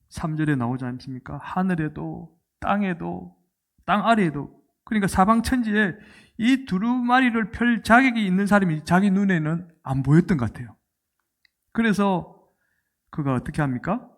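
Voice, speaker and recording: A man's voice: high-pitched, vocal fry. A middle-aged man preaching a sermon as a pastor, telling the story with animation and asking the congregation questions. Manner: animated storytelling, asks the congregation questions and acts out quoted lines.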